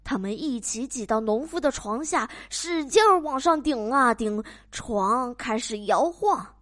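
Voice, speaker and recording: A woman reading a children's storybook aloud in an expressive way, adding animal sounds. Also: fairly high pitch, a little slow.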